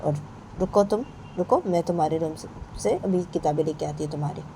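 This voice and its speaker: A woman's voice: low-pitched, fairly quick, mellow, a little hiss or hum. A woman voicing a strict mother who scolds and orders her child to study. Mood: scolding. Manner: scolding, bossy, repetitive.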